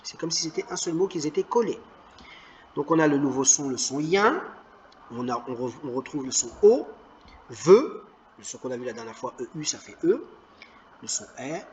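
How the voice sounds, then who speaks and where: A man teaching a reading lesson to children, sounding out words slowly and patiently, encouraging them as he goes. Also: a little high, sing-song, a little hiss or hum. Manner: slow, clearly stressed word-by-word reading. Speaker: primary school teacher.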